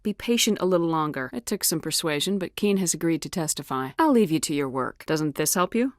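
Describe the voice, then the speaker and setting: An actress playing a tough, no-nonsense military space commander in a video game, with a clipped, assertive, businesslike delivery. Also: female voice, sits low, expressive, brisk, no echo, studio quality. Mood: firm, persuasive. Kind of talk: video game dialogue acting.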